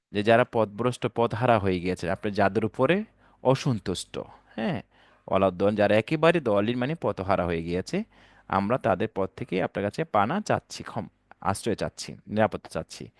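A man teaching an online Quran lesson, slowly drawing out Arabic letter sounds and asking his class questions. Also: lowish voice, lively intonation, no echo, studio quality. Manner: drawn-out, stressed letter sounds for learners to copy; patient, repeats and asks questions to the class.

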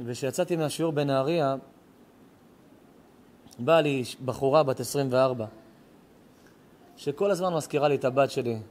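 In a synagogue or home lecture hall, a middle-aged rabbi tells a heartfelt story as part of a moral sermon, his voice rising and cracking with emotion. He speaks at a medium pitch with long pauses and a slightly mellow tone.

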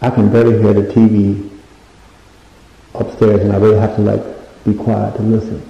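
Low and gravelly with a level tone, a man talks at normal speed while touring his unfinished basement on a handheld phone camera. As a home renovation vlogger, he rambles casually, fumbling for words and pointing out features of the bare-drywall room, which sounds echoey and dull.

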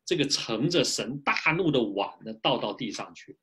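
A male pastor preaching a sermon in a lively, animated way, pausing often for an interpreter, speaking from a small home office into a webcam. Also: mid-range voice, husky. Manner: lively preaching with frequent filler particles.

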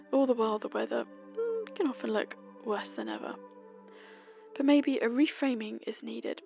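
A British woman who hosts a folklore podcast reads from a scripted seasonal almanac. Her voice is gentle and whispery, pitched a little high, with some vocal fry.

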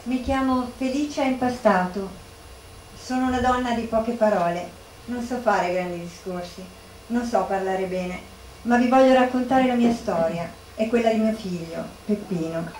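A woman's voice: fairly high pitch, normal speed, darkish tone, lightly acted. Actress as a plain-spoken grieving mother. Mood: modest. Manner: simple, modest speech. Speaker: actress in a stage monologue. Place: bookshop stage. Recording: echoey room, distant from the mic, faint noise.

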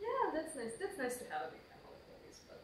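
A woman's voice: high voice, wildly swooping pitch, very fast, a crowd in the background. A young woman hosting a casual chat interview, chatty and laughing often. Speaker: English tutor and host. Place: room with a table and flowers. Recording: roomy, distant room sound with faint noise.

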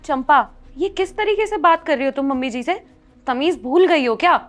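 An actress playing a proud, bossy working daughter-in-law in a family short film, commanding in tone. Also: female voice, sits high, expressive, normal speed, soft background music. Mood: reproaching.

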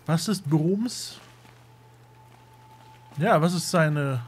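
A man's voice: a little high, very slow, slight background noise. A man giving casual, joking commentary while playing a video game. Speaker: let's play host.

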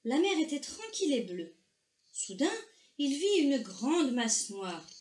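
Slow gentle woman reading a children's story. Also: sits high, sing-song. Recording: echoey room, faint noise.

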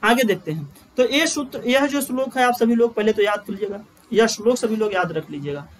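High-voiced chatty teacher. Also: male voice, fairly quick, a little hiss or hum. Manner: chatty, joking asides to viewers; stretches vowels when chanting verses. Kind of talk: live online Sanskrit grammar class.

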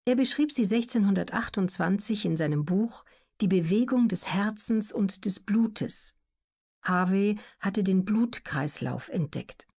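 A woman with a mid-range, darkish voice reads scripted educational documentary material as an audiobook narrator, measured and carefully articulated.

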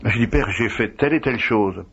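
A man's voice: fairly low pitch, brisk, husky. A priest recounting old memories in an interview, acting out the dialogue as he tells it. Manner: lively retelling, acting out quoted dialogue. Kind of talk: interview storytelling. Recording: dull lo-fi radio recording.

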